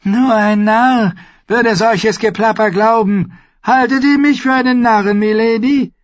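A man's voice: very high-pitched, fairly even intonation, measured pace, dull audio, pitched above the performer's own voice. A man voicing a cruel, gloating old lord who cackles and sneers, in an audiobook. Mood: scornful. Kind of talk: audiobook character voice.

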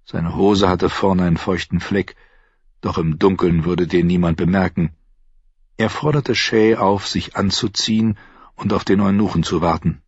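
Husky-voiced male audiobook narrator. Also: sits low, steady tone, moderate pace, no room sound, dull audio. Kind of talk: scripted narration.

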